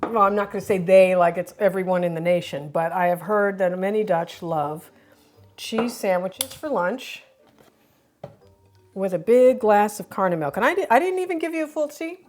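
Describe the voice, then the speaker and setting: A woman's voice: mid-range voice, expressive, moderate pace, darkish tone, soft background music. A woman hosting a food taste-test vlog, chatty and explaining each dish as she goes. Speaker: vlog host. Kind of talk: casual taste-test chat.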